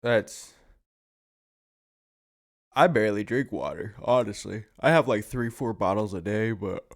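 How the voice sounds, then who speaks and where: His voice is fairly low and animated, moving at a measured pace. He's a worn-out young man co-hosting a podcast, yawning as he rambles casually and curses a lot.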